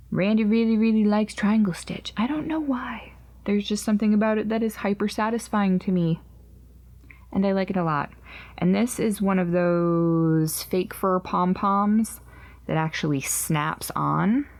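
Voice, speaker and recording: A woman's voice: deep voice, vocal fry, a little mellow. A woman in her thirties hosting a podcast, chatting casually and ramblingly about her crochet projects and sometimes calling herself by name. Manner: chatty, rambling, jokingly refers to herself in third person. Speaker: podcast host.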